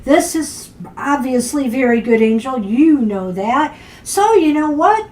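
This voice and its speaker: A woman co-hosting a tarot live stream in a somewhat high voice. She is chatty, encouraging and upbeat as she reads for viewers. A faint hiss of noise runs beneath her. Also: animated, unhurried, darkish tone. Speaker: tarot reader, co-host.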